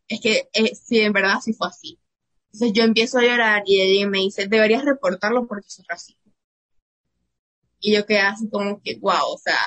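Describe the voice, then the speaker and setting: A young woman from Venezuela, speaking with a Venezuelan accent in a mid-range, fairly bright voice, appears as a student guest. She tells a personal story filled with many fillers.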